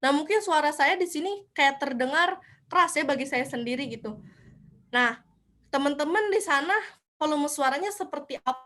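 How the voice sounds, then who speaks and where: A woman's voice: sits high, expressive, normal speed, fairly bright tone. A young woman giving a casual online lecture, chatty, asking herself questions and answering them. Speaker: speaker at a student seminar.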